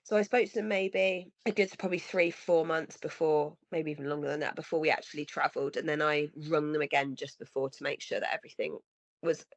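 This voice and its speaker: A woman in her thirties co-hosts a podcast, chatting earnestly but rambling and restarting, her voice slightly nasal and husky from a sniffly cold. She sits low in pitch with a steady tone and talks a little fast. The lo-fi recording is dry and slightly dull, with no room sound.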